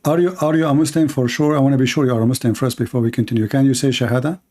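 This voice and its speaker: A man whose first language is Arabic hosts a live religion call-in show, debating a caller conversationally while questioning him insistently and repeating himself. His medium-pitched, mellow voice stays steady in tone as he speaks rapid-fire.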